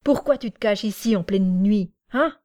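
A woman reading an audiobook, voicing an angry, threatening young village man who shouts accusations. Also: medium pitch, normal speed, natural voice. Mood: furious.

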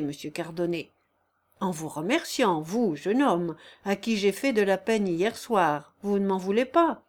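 A woman voicing a brusque, cheerful male peasant worker who talks bluntly and loudly. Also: medium pitch, lightly acted. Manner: hearty, blunt, loud.

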